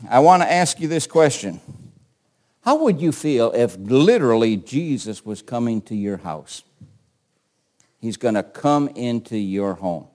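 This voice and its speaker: A male pastor preaching a sermon and reading scripture aloud, often asking the congregation rhetorical questions. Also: medium pitch.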